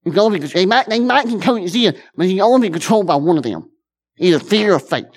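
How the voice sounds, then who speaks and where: An earnest pastor speaks to his congregation in a conversational sermon, his high voice marked by lively intonation. He keeps looping back, repeating and restarting phrases, tossing off quick asides before settling into slow, heavy lines.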